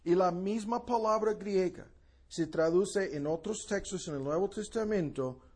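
A man preaching a sermon, explaining a Bible passage slowly and with emphasis, repeating key phrases for his listeners. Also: high-pitched, darkish tone, husky.

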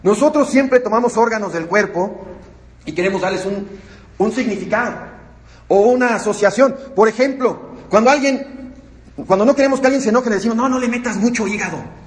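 High-voiced Mexican preacher in an echoey hall. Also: male voice, fairly quick. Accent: Mexican Spanish. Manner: emphatic and repetitive, stressing key words. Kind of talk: sermon. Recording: echoey room sound.

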